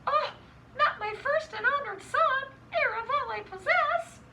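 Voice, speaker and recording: A woman's voice: sits high, very animated, measured pace, recorded from a distance, heavy background noise. A woman voicing a stern, imperious storybook mother who speaks formally and draws out her words. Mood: alarmed. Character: stern, grand, impatient storybook mother of sons.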